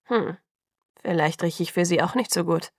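A woman voicing a calm, guarded teenage boy who speaks in a cool, even tone. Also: lowish voice, moderate pace, dry recording, clean studio sound. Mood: coaxing. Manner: cool, quiet, even-toned.

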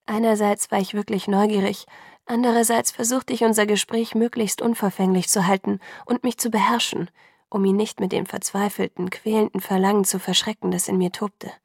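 Gravelly woman reading a novel aloud. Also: medium pitch, steady tone, brisk, darkish tone, no echo, clean studio sound. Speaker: audiobook narrator. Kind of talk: scripted narration.

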